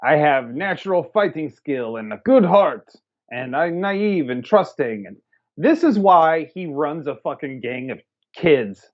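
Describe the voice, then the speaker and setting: A man co-hosts a casual movie review podcast in a fairly high, very animated voice, unhurried as he riffs sarcastically and swears freely. The lo-fi audio sounds slightly dull.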